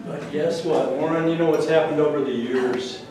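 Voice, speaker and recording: Man, speech to a club audience, loud powerful voice, slightly high, heard from afar in an echoey room. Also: fairly even intonation, normal speed, recorded from a distance, slight background noise. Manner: rhetorical questions to the audience. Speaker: speaker.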